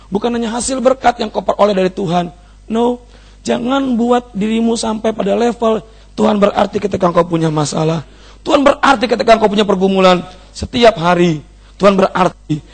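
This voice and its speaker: A male pastor preaching a sermon, rising at times into impassioned shouts and cries. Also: high-pitched, gravelly, slightly rough.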